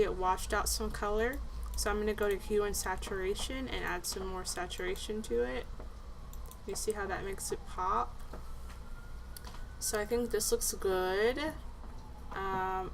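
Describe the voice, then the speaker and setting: Female vlogger, middle pitch, casual explanatory chat, home recording with slight noise. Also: steady tone, moderate pace, creaky. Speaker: vlogger and candle maker. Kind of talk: casual vlog chat and tutorial. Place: indoors at home. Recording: faintly noisy home recording.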